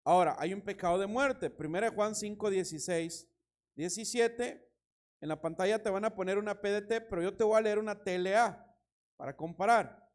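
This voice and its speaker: High-voiced man preaching a sermon. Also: moderate pace. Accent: Mexican Spanish. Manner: animated preaching, reads scripture, tells anecdotes with laughter. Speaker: pastor.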